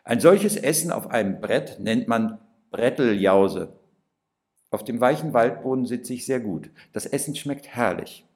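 A man calmly reading a first-person story aloud, gentle and unhurried, with a few lifted exclamations. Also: mid-range voice. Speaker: narrator.

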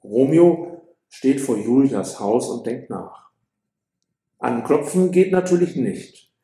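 A man narrating a story for an audiobook in a calm, measured way. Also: medium pitch, echoey room.

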